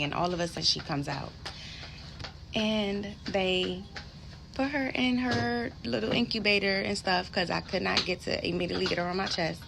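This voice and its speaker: A woman's voice: medium pitch, creaky, noisy background. A woman in her twenties, a vlogger, candidly telling viewers a personal story in casual talk and swearing freely.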